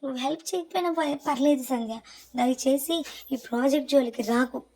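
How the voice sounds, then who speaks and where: A woman voicing an angry young man who scolds a coworker sharply and fast. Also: high voice, darkish tone, a little hiss or hum, pitched above the performer's own voice.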